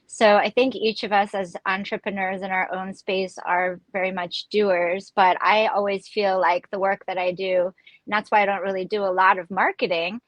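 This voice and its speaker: A woman's voice: mid-range voice, level tone, moderate pace, no room sound, poor audio. A woman born in South Africa, an immigration lawyer hosting a podcast, talking in a chatty way and laughing easily. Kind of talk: casual podcast interview.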